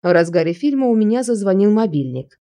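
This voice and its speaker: A woman reads a first-person novel aloud as an audiobook narrator. Her voice is warm and mellow, sitting at a middling pitch. She narrates expressively. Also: very animated, quick pace.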